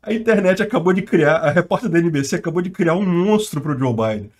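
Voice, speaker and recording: A man's voice: on the high side, animated, fairly quick. A Brazilian man with a slightly raised voice hosts his own channel and runs through the news in loose, casual commentary. He talks in slang and keeps breaking into laughter between his points. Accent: Brazilian Portuguese. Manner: chatty, laughs often, slangy. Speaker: channel host.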